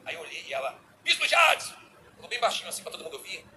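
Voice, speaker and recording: A middle-aged man with a Brazilian Portuguese accent preaching a sermon as a bishop, animated, acting out little dialogues. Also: fairly high pitch, rapid-fire, slight background noise, poor audio.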